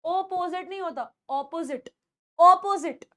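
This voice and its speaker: A woman with an Indian accent teaching spoken English pronunciation, repeating words slowly and quizzing her students. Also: very high voice, pushed and bright. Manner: drills words by repeating them slowly, asks the class questions.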